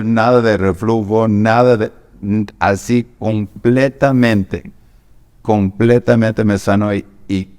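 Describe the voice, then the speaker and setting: A middle-aged pastor from New York shares his testimony in a low, smooth voice. He tells it earnestly and with feeling, voicing the people in his story as he goes. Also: darkish tone, big-room sound. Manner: earnest, emotional storytelling with quoted dialogue. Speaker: evangelical pastor. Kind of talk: personal testimony in conversation.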